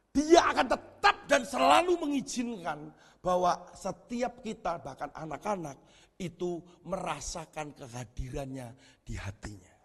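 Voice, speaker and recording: A man preaching a sermon as pastor, telling stories in a lively, animated way and laughing at his own jokes. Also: very high-pitched. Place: church hall. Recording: echoey church hall with long reverb.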